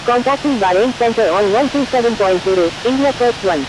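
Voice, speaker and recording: A woman's voice: brisk, lightly acted. A woman voicing a formal airline pilot in a flight simulator, giving clipped, procedural headset readbacks. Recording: clear steady hiss and rumble.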